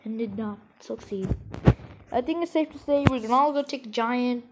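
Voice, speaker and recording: A woman giving excitable, rambling let's-play commentary during a co-op game, playfully trash-talking her partner. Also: fairly high pitch, normal speed, heavy background noise. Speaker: gamer playing co-op.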